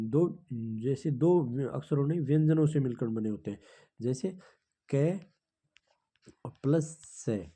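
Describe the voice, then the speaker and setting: A man's voice: mid-range voice, warm tone, breathy edge. A man teaching a grammar lesson, explaining step by step and counting items aloud, with frequent hums and check-ins. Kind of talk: slow classroom explanation of grammar.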